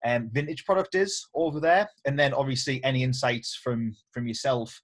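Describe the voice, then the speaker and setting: A man's voice: mid-range voice, moderate pace. Chatty man hosting. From England. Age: 30s. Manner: chatty, frequent ums and restarts. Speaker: host. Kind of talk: casual video-call interview.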